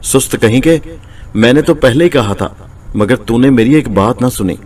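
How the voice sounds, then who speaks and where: A man voicing a meddlesome, scolding blacksmith's wife in a storybook tale, in a raised, shrill voice. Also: normal speed, darkish tone, recorded from a distance, close to an everyday voice. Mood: scheming. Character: scheming, nosy woman, blacksmith's wife.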